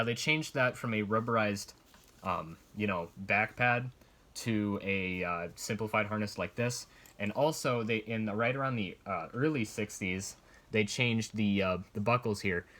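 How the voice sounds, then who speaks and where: A man's voice: lowish voice, moderate pace, bright, forceful tone. A man giving a casual, unscripted show-and-tell review in a rambling, hesitant way, hedging as he explains. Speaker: collector reviewing military surplus gear.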